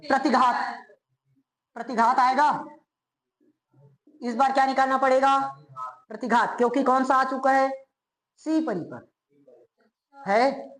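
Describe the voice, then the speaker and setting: A man with a very high, fairly bright voice and rather even intonation teaches physics in a classroom lecture. He often asks quick checking questions, answers them himself, and repeats key terms slowly, all captured with a roomy echo suggesting a bare classroom.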